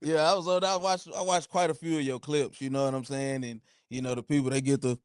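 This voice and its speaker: A man's voice: medium pitch, fast talker, clear, resonant tone, dry recording, studio quality. A man, hosting a podcast in casual, playful banter. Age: 30s. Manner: animated, playful banter, slangy. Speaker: podcast host. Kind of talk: casual chat.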